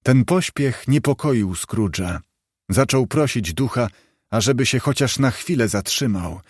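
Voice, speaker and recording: A man narrating an audiobook in a calm, even reading voice. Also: mid-range voice, measured pace, slightly rough, no echo, studio quality. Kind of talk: scripted narration.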